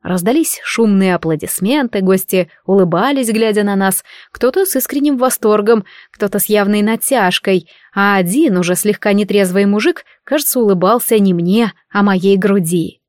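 A woman's voice: mid-range voice, normal speed, few pauses, a little mellow, dry recording. A woman reading a first-person story in a wry, lightly ironic way, close to the mic. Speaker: audiobook narrator. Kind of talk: first-person scripted narration.

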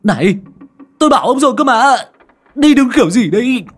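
A man's voice: mid-range voice, big pitch swings, normal speed, fairly bright tone. A man voicing a drunk young master who slurs and barks orders. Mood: angry. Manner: slurred, bossy.

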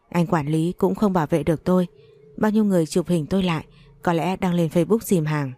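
A woman reading a first-person story aloud in an even, unhurried narrating manner. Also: fairly low pitch, dry recording. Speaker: audiobook narrator.

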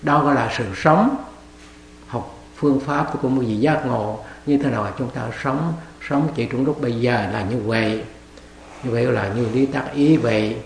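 A man's voice: medium pitch, normal speed, gravelly, slight background noise. A man, a monk, giving a dharma talk at a retreat, telling a story and acting out its characters in dialogue. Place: meditation hall. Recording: echoey hall.

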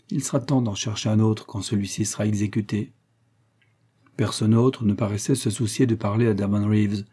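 A man reading an adventure novel aloud at a steady, measured pace. His voice is mellow and dark, with a husky grain. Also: on the low side. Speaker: narrator. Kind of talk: audiobook narration.

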